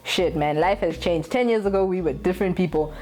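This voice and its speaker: A woman's voice: fairly low pitch, fairly quick, dark tone. A young adult woman talking casually to camera in a candid, blunt way, swearing freely. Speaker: vlogger.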